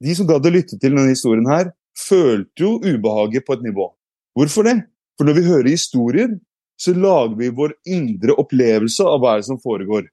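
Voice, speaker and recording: A man's voice: medium pitch, animated, dark tone, husky, no echo, clean studio sound. A man giving a casual explanatory talk, reflective, with frequent hesitations and restarts. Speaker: speaker.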